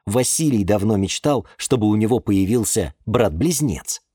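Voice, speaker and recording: Animated man reading a children's story. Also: fairly low pitch, moderate pace, slightly rough, no echo, studio quality. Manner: animated, expressive. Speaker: narrator.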